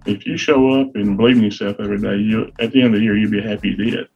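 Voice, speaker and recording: A man's voice: on the low side, steady tone, racing, darkish tone, slightly rough, dull audio, soft background music. A middle-aged man from Virginia, telling folksy, self-deprecating stories as a podcast co-host. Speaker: guest co-host, sales rep. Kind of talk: casual podcast chat.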